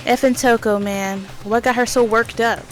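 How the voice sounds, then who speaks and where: A woman's voice: fairly high pitch, steady tone, moderate pace, soft background music. A woman giving casual let's-play commentary as she plays a video game. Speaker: gamer playing and commenting.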